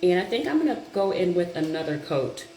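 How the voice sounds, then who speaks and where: Low-voiced chatty woman in an echoey room. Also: big pitch swings, fairly quick, dark tone, a little hiss or hum. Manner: chatty, self-deprecating, thinks aloud while working. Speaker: beauty vlogger. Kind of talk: casual live chat while doing makeup.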